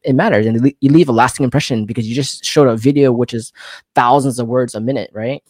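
A man hosting an interview, explaining points in quick lists and asking his guest questions. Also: mid-range voice, darkish tone, no room sound, studio quality. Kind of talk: casual interview talk.

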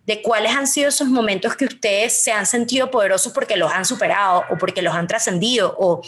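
Expressive woman telling her story. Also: medium pitch, a little fast, slightly rough. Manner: expressive storytelling, acting out quoted voices. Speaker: guest. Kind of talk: conversational interview.

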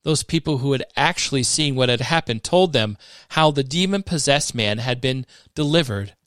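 A man giving a measured, expressive scripted reading of scripture for a podcast. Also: mid-range voice, no room sound, clean studio sound. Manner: measured, expressive reading that rises for dramatic moments. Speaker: scripture reader.

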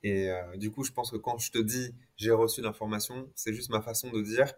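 A man's voice: lowish voice, fairly even intonation, normal speed. A man speaking as an interview guest, reflecting conversationally on his experience and dropping occasional English words into his French.

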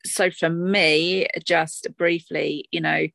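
A woman with an Essex twang talks casually and reflectively, as a guest would. Her voice sits a little low. The sound is dry, with little room around it, and her delivery is chatty and conversational. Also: steady tone, takes it slowly, gravelly, fairly bright tone, no room sound. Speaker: doula, interview guest.

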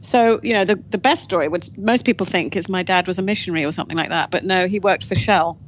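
Talking fast in a lowish voice, this woman from England is a guest author being interviewed. She tells her family story reflectively, often restarting, over dull lo-fi audio carrying faint noise.

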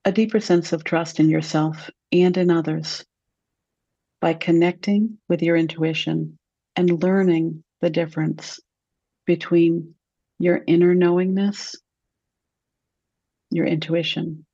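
A woman guides a meditation in a slow, gentle voice with long pauses. Her tone is mellow and her pitch stays flat and even. The recording is dry and a little dull. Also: no echo.

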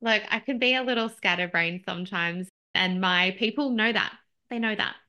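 A woman's voice: medium pitch, moderate pace, bright, forceful tone, dull audio. A woman in her thirties, a podcast host sitting as the guest, talking candidly and laughing often at herself in a conversational interview.

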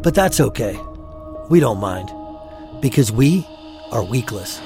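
Emphatic man over loud music. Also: mid-range voice, sing-song, unhurried. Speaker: podcast host. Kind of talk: scripted podcast intro slogan.

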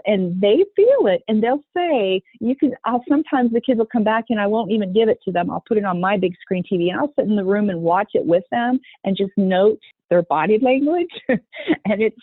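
A woman's voice: mid-range voice, breathy edge, no room sound. A woman being interviewed about her work with children, talking earnestly, restarting her sentences and acting out voices when she quotes people. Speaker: guest running a youth horse program. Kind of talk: conversational interview. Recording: tinny phone-line sound.

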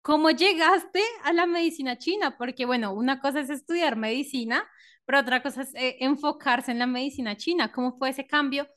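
Effusive woman podcast host, fairly high voice. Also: fairly quick, a bit bright. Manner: enthusiastic, effusive. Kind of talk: casual podcast interview.

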